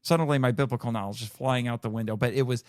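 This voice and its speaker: A man's voice: medium pitch, steady tone, fast talker, a little mellow, dry recording, studio quality. A man hosting a casual film discussion, explaining things in a rambling way and backtracking mid-thought. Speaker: film podcast host.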